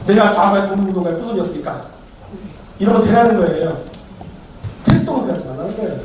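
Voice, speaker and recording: A man's voice: sits high, a little mellow. A man giving a heated political lecture as a commentator, combative, firing off rhetorical questions one after another. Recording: very echoey room, distant mic, faint noise.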